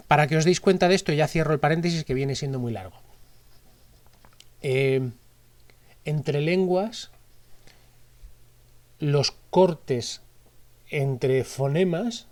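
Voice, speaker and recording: A man's voice: mid-range voice, darkish tone. A man with a Spanish accent from Spain, teaching a recorded lesson. He explains step by step and often repeats himself or corrects his wording. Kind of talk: recorded lecture.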